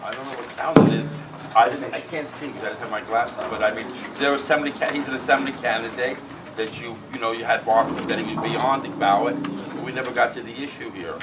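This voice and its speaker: A man's voice: mid-range voice, steady tone, fast. A man with a Bronx accent, a lawyer representing candidates, speaking at a public hearing in a rambling, joking, apologetic way. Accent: Bronx New York. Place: hearing room. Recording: distant mic in a noisy room.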